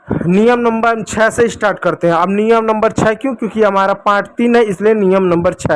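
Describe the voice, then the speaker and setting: Male English teacher with a high voice, patient classroom delivery, lots of repeated examples and rhetorical questions. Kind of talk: classroom lesson explained to children.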